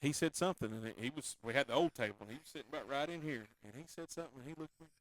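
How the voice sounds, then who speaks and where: A man's voice: mid-range voice, very fast, a crowd in the background. A man from the hosting a casual chat show, joking around and repeating phrases. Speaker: podcast host.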